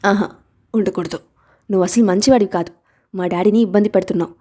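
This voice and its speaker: A woman's voice: mid-range voice, fairly even intonation, fast talker, warm tone, lightly acted. A woman reading a storybook who voices a stern, proud little boy protecting his father, speaking in a bossy, indignant way.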